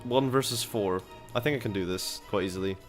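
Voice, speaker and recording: Young guy with a low voice casually chatting over gameplay, swears a lot, faint music behind. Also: a little fast. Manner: chatty, swears casually, thinks aloud while playing. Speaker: gaming video host.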